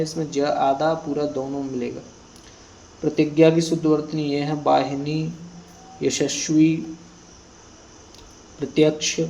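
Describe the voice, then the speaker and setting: A man teaching Hindi spelling, reading out a word list slowly and repeating each word for students to copy. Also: fairly high pitch, gravelly, darkish tone, a little hiss or hum, poor audio. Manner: slow, repetitive word-by-word dictation. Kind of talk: exam prep lesson, reading word list.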